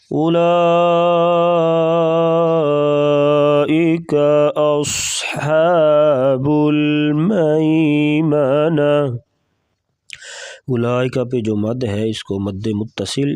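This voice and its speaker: A man teaching Quran recitation rules word by word, explaining each point in a brisk, matter-of-fact way. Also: fairly low pitch, dark tone, no room sound. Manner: breaks into slow melodic recitation between explanations. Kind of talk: tajweed lesson, explaining word by word.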